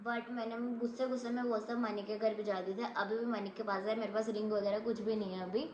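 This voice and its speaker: A woman's voice: mid-range voice, steady tone, fast, muffled recording, a little hiss or hum. A young woman telling a vlog story in a casual, subdued tone. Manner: soft and subdued while recounting, sharp when arguing. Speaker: vlogger. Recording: echoey room with faint ambience.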